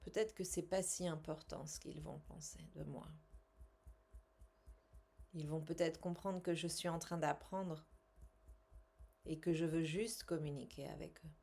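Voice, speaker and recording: A woman leads a gentle tapping session at an unhurried pace. Her voice sits low with a gravelly fry, and she repeats calming phrases with slow, deliberate breathing cues.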